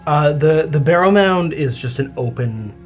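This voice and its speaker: A man narrating a tabletop role-playing game as game master, in halting, improvised phrases. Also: fairly high pitch, lively intonation, faint music behind.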